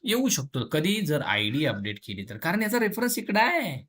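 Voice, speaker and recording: The voice is a man's, a little high with wildly swooping pitch and a fairly bright tone. He's teaching programming in a laid-back classroom, chatting colloquially, slipping in English, and acting out tables and students in quick asides.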